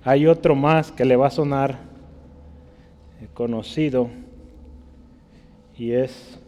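A man teaching a casual Bible class as a pastor, chatty and checking in with his listeners, stretching out key words slowly to stress them. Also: mid-range voice, steady tone, warm tone. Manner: chatty, keeps checking in with the room. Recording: long reverb in a hall.

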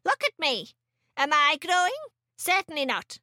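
A woman voicing a bossy, sharp-tongued tiny old grandmother who snaps and scolds. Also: sits high, animated, a little slow, dry recording, studio quality, pitched above the performer's own voice, full character voice. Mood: scolding. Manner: snapping, scolding.

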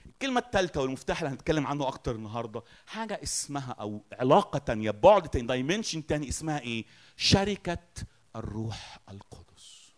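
A man preaching in Egyptian-accented Arabic with a mid-range voice. He quizzes his listeners, then answers them himself. His delivery swings from booming emphasis down to near-hushed words. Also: sing-song, very fast. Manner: emphatic, asks the audience questions and answers them; swings between loud declarations and soft, quiet lines. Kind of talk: sermon.

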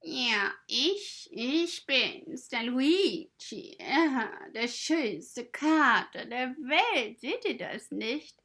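A woman's voice: sits high, lively intonation, drawn-out words, sharp tone, pitched above the performer's own voice, full character voice. A woman voicing a boastful, cocky little male tomcat in a children's story, talking smugly about how cats rule everything. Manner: bragging, smug.

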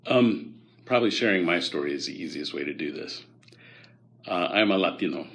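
A man from the United States, a guest expert, calmly and gently explaining mindfulness practice in an interview. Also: sits low, normal speed. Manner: calm, guiding, gently instructive.

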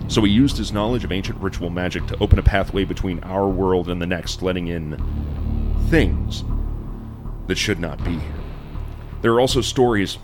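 Low-voiced man, theatrical vintage horror narrator. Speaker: podcast host and narrator. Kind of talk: scripted horror storytelling narration. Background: music behind the voice.

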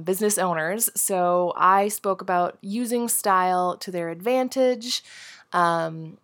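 A woman in her thirties hosting a casual solo podcast from her home office, chatty and bubbly with frequent laughs, her voice nasal from a head cold. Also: on the low side. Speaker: podcast host.

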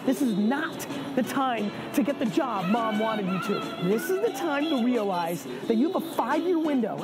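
A woman's voice: high voice, poor audio. A woman giving a motivational speech in an urgent, exhorting way.

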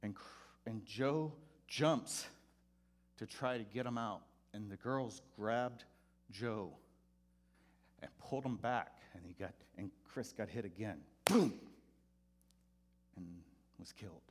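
Man, pastor, sermon storytelling, low voice, animated. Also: slow pace, pauses often. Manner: animated, acts out voices loudly in quotes.

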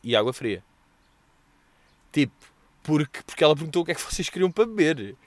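A young man with a European Portuguese accent hosting a podcast, telling stories in a casual, slangy, animated way and acting out what others said. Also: fairly high pitch, a little fast, no echo. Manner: slangy and animated, acts out quoted dialogue with exaggerated voices. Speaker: podcast host answering listener questions. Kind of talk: casual storytelling chat.

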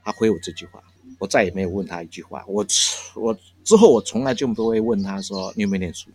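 This time the Taiwanese coffee shop owner, a man in his sixties, sounds lowish, animated and fast, his tone mellow with a slight roughness. Chuckling frequently, he shares family anecdotes in a relaxed interview while faint jazz drifts from the speakers of his countryside café.

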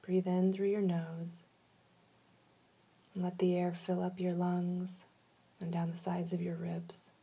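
Soft, breathy woman guiding relaxation. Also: lowish voice, monotone. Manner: soft, breathy, soothing, with long pauses. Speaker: guided relaxation instructor. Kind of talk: guided meditation, slow instructions.

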